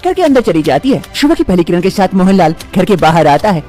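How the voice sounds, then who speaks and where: A storyteller giving expressive, sing-song narration of a children's moral story. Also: medium pitch, quick pace, faint music behind.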